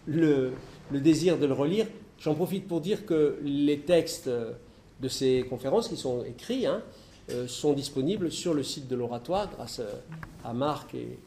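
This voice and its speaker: In an echoey hall, a middle-aged man delivers a philosophy lecture and fields audience questions, thinking out loud with frequent restarts and fillers. His voice is mid-range and warm, with a slight hiss or hum on the recording.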